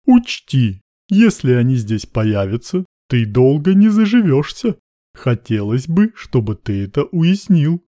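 A man's voice: medium pitch, very animated, unhurried, warm tone, no room sound. A man voicing a cool, commanding male major with dry irony in an audiobook. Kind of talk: audiobook narration.

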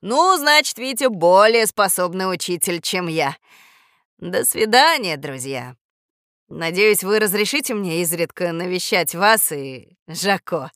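A woman reading the lines of a kindly middle-aged man who owns a parrot, in a polite, gently pleading manner. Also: lowish voice, lively intonation, a little slow, no echo, studio quality.

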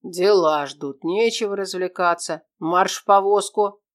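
A woman voicing a stern, gruff middle-aged blacksmith father in an audiobook, speaking slowly and loudly with commands. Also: fairly low pitch, natural voice. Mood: commanding. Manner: gruff, commanding, slow and loud. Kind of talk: audiobook character voice.

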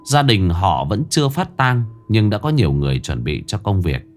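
A man's voice: fairly low pitch, sing-song, moderate pace, soft background music. A man narrating a first-person horror story in a dramatic, wry manner.

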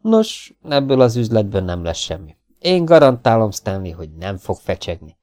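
A man voicing a mysterious masked male avenger in an audiobook, calm, mocking and self-assured. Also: lowish voice. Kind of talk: audiobook character voice.

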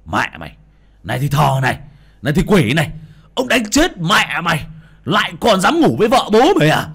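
Raspy, high-strung old village man, hollering with rage, as a narrator puts him on. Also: huge pitch swings, moderate pace, full character voice. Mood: cursing. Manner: shouting, cursing. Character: furious old village man, violent temper.

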